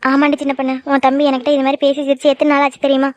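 A woman voicing a tender, emotional middle-aged mother in a cartoon, talking quickly and fondly. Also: sits high, completely flat delivery, darkish tone, dry recording, lightly acted. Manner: affectionate, quick, tearful at times. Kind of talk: cartoon voice acting. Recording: dry, dull lo-fi recording.

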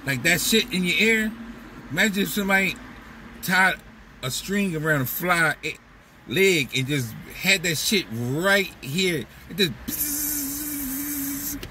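A man's voice: sits high, animated, measured pace, pushed and bright, far from the mic, slight background noise. A man talking through a casual, profane, rambling comedic monologue as a vlog host, slipping into mocking voices. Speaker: vlogger host.

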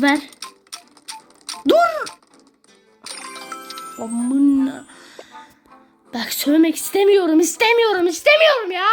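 Very high-pitched woman ranting while gaming. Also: a little mellow. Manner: irritable, swears constantly, rants at the game. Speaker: gaming video creator. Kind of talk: ranting gameplay commentary. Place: small bedroom at home.

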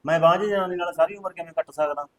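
A man's voice: sits high, very fast, a bit bright, echoey room. A man playing a stubborn young husband who speaks bluntly and insistently. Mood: defiant. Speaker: son. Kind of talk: rural family drama acting.

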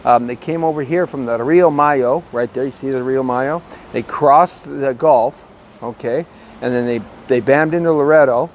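A man's voice: medium pitch, moderate pace, lo-fi sound. A middle-aged man hosting a casual real estate vlog while walking outdoors, talking in a chatty, rambling way into an earbud mic. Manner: chatty, rambling, self-promoting. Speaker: real estate show host. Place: outdoors on a downtown street. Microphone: earbud headset mic, phone at arm's length. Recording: faint street noise outdoors. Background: faint city street and traffic noise.

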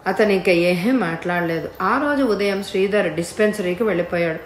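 A woman narrates a story in a steady, measured way at a middle pitch. Her voice sits in a roomy space with a faint hiss underneath. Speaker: audiobook narrator.

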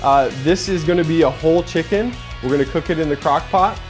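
Faint music plays behind a fairly quick-talking young man who hosts a laid-back home-kitchen cooking show. Cheerful and talkative, he walks through every step as he goes, throwing in a "boom" while he works.

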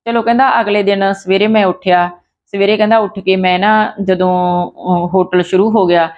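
A woman's voice: mid-range voice, fairly even intonation, normal speed. A woman retelling a true story in a casual, conversational way, with fillers and restarts. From Punjab. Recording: dull lo-fi sound.

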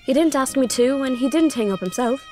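A young woman plays an anxious, sorrowful princess in an audio drama, mixing acting with first-person narration in an earnest, melancholy, haunted way. Her high voice is fairly quick and darkish, lightly acted, with faint music behind her.

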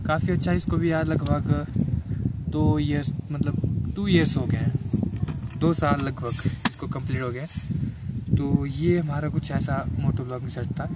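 A man's voice: on the high side, very noisy. A young man casually showing his gear outdoors, talking in a rambling way with many filler words. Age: young adult. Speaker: vlogger. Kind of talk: casual chat. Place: outdoors on a hillside by a motorbike. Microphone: camera held by a helper a few steps away. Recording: distant outdoor camera audio with loud music.

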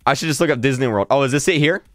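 A man in his twenties hosting a casual livestream, excitable and quick to laugh, repeating words as he reacts. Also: mid-range voice, no room sound, studio quality, faint music behind. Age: 20s. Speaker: livestream host.

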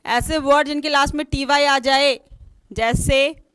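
A woman's voice: high voice, fairly even intonation, measured pace, fairly bright tone, dry recording. A woman teaching an online exam-prep lesson, spelling words out letter by letter and asking questions she then answers herself. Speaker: English teacher.

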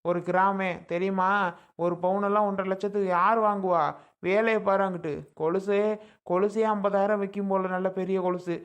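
A woman's voice: medium pitch, little pitch movement, normal speed, natural voice. A woman playing a sarcastic, practical grown son in a family comedy skit. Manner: sarcastic, dismissive.

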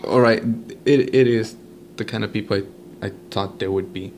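A man hosts a joking prank chat over a walkie-talkie app, speaking at normal speed in a lowish voice with fairly even intonation. He uses slang and switches between English and Spanish, and the amateur home recording is noisy.

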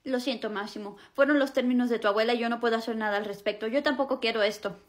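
A woman's voice: fairly high pitch, steady tone, quick pace, natural voice. A woman playing a resigned, apologetic young girlfriend in a comedy skit. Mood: regretful. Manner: apologetic, earnest.

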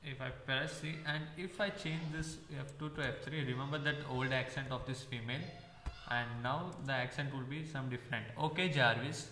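A man teaching a coding tutorial, pausing often with fillers as he explains step by step. His voice is bright and crisp. It rings out in a roomy space with a long reverb tail. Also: medium pitch, fairly even intonation. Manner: halting, with many "uh" fillers while explaining. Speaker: coding instructor. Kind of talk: screen-recorded coding tutorial. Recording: echoey room with long reverb.

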